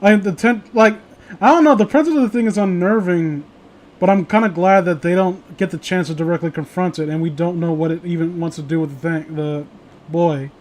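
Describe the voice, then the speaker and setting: This horror story show host speaks high and a little fast, his tone on the dark side. He rambles through casual commentary on the stories, cracking jokes and cursing freely, captured on a noisy home recording with clear background hiss.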